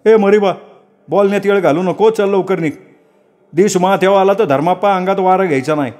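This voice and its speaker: A man voicing an impatient, bossy village man who hurries others along loudly. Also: high voice, fairly quick, pitched above the performer's own voice, close to an everyday voice. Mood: urging. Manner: hurrying, bossy, loud. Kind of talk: dramatic storytelling.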